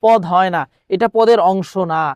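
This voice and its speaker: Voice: mid-range voice, normal speed, a little mellow, smooth, no room sound. A teacher running an exam-prep grammar lesson, repeating words and questions, asking viewers, then answering.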